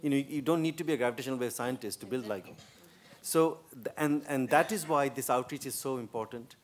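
A man's voice: mid-range voice, brisk. A man, a scientist on a panel, speaking fluently and emphatically. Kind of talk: panel discussion answering questions.

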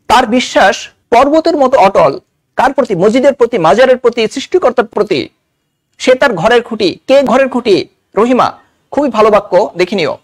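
A man's voice: very high voice, dry recording, clean studio sound. A man with a Bangladeshi Bengali accent teaching a literature lesson, reading passages from a novel and explaining them line by line, sometimes voicing the characters' village dialect. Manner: reads quoted dialogue in village dialect, then explains it.

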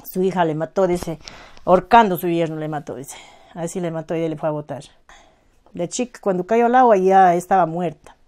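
A middle-aged woman with a southern Andean Ecuadorian accent, giving personal testimony as a victim's mother, halting and emotional, full of reported speech. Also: lowish voice, mellow. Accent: southern Andean Ecuadorian Spanish, Azuay.

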